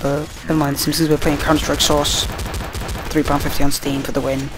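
A man's voice: fairly high pitch, level tone, fairly quick, noisy background. A tired young man, rambling through casual gameplay commentary and swearing at the game, recorded at home on a computer mic. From Wales.

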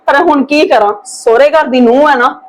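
A dutiful young daughter-in-law recovering from surgery, in a family drama, played by a woman. She pleads softly and stays deferential, in a slightly high voice. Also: normal speed, natural voice. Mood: pleading. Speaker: creator and actor.

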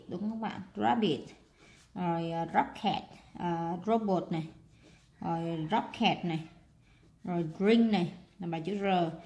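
A woman with a Vietnamese accent, patiently explaining English worksheet exercises to young children and spelling words out letter by letter. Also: on the low side. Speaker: primary school English teacher.

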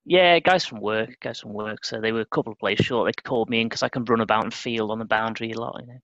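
A man's voice: on the low side, fast talker, fairly bright tone, no echo. Dry-voiced middle-aged man, lo-fi call. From Sheffield, England. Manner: thoughtful, dry understatement. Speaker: guest. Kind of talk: casual interview chat.

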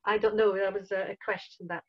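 The same kind of scene: a woman in her fifties, a call participant in a small home room, haltingly chatting about her thoughts as she hunts for the right words. Her medium-pitched voice barely moves in pitch and runs a little fast, captured in dull lo-fi call audio.

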